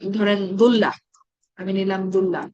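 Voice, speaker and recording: A woman teaching an online grammar class, patiently checking that students follow and reciting verb patterns slowly. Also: mid-range voice, steady tone, a little mellow, no echo, lo-fi sound.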